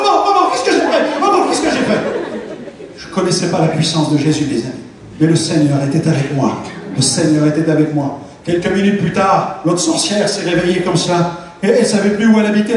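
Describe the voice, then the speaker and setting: A man's voice: high voice, a little mellow. A man giving a fervent, dramatic testimony sermon in a large church hall. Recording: echoey hall, distant mic.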